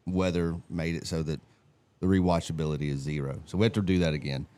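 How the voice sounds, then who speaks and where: A man, co-hosting a live stream and telling stories in a colorful, animated way. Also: low voice, fast, clear, resonant tone. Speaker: co-host. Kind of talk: casual live-stream chat and storytelling.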